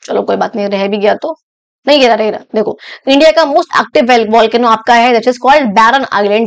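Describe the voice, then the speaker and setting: A young woman teacher explaining a school geography lesson in a chatty way, often stopping to check that the students follow. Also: on the high side. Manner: chatty, repeats and checks understanding.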